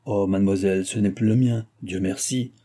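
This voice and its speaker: A man's voice: on the low side, fairly even intonation, brisk, mellow, natural voice. A man reading a saucy young maidservant.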